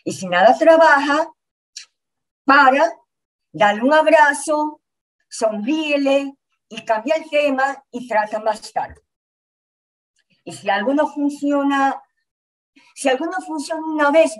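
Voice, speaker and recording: A woman health educator giving a lecture in short, patient phrases, often pausing to check in with her listeners. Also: sits high, low-quality recording. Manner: patient, repeats points, checks in with "¿ok?" and "¿verdad?". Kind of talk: slide-based community lecture.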